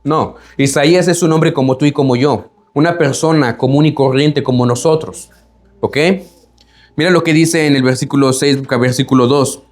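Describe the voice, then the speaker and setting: A man's voice: medium pitch, steady tone, normal speed, a little mellow. A man preaching a sermon in an emphatic way, putting rhetorical questions to his listeners and repeating words for emphasis.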